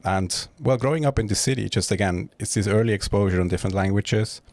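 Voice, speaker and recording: Gravelly low-voiced Swiss man. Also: quick pace, a little mellow, no echo. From Switzerland. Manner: explains in stops and restarts, laughs lightly. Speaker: podcast guest. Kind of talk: casual interview talk.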